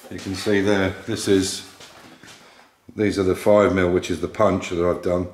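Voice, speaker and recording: A man's voice: low-pitched, level tone, unhurried. A man in his sixties explaining metal fabrication steps while working on a classic car, thinking aloud with plain fillers. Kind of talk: workshop how-to narration. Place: large indoor car workshop. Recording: echoey workshop room.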